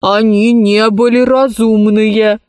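A woman reading a children's story aloud, voicing a stubborn, literal-minded ship's service robot in a slow, measured way. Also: on the high side, little pitch movement, darkish tone, no echo, studio quality.

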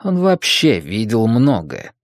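A man's voice: fairly low pitch, huge pitch swings, slow pace, no echo, studio quality. A man narrating an audiobook expressively, moving in and out of the characters' voices. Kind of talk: scripted narration.

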